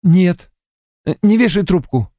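A man reading an audiobook voices a sleepy, softly emotional young woman detective, raising his voice for her. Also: sits high, lively intonation, a little slow, no echo, clean studio sound, pitched above the performer's own voice. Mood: sleepy, touched.

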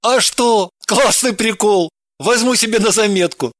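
A woman's voice: medium pitch, animated, moderate pace, a bit bright, a little hiss or hum, lightly acted. A woman voicing an easygoing man who teases and jokes casually in a storybook reading. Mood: teasing. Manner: teasing, casual. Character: easygoing joking man, friend.

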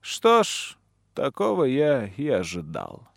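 A man's voice: mid-range voice, huge pitch swings, slow pace, creaky, no echo, studio quality, full character voice. A man voicing a ruthless, cold chieftain who usurped a clan's throne, speaking in a commanding, mocking manner in an audiobook reading.

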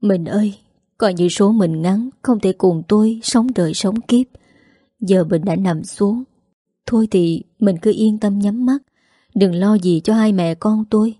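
A woman's voice: medium pitch, a little slow, mellow, dry recording, clean studio sound, natural voice. A woman with a Southern Vietnamese accent voicing a grieving pregnant young widow in a tearful, pleading lament. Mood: tearful prayer.

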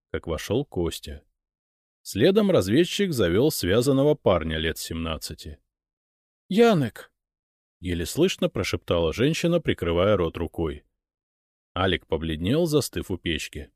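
A man narrating a first-person audiobook in a measured storytelling manner, voicing each character in turn. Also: low voice, very animated, darkish tone, no room sound, studio quality.

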